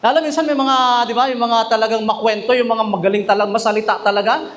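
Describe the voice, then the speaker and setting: A man's voice: very high-pitched, steady tone, fairly bright tone. A man preaching a sermon as pastor, mixing English and Tagalog and often asking the congregation questions. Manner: mixes English and Tagalog, often asks the congregation questions, reads verses slowly. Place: church chapel.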